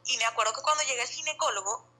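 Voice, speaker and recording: A woman's voice: high voice, rapid-fire, bright, forceful tone, slightly rough, rough recording. A woman telling her story in casual conversation, rambling along with many fillers and restarts. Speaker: guest sharing birth story.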